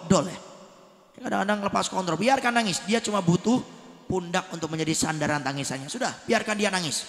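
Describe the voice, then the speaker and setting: A male preacher giving a sermon to husbands, swinging from soft counsel to loud emphatic bursts. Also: high-pitched. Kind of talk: village sermon to married men. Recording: echoey hall with long reverb.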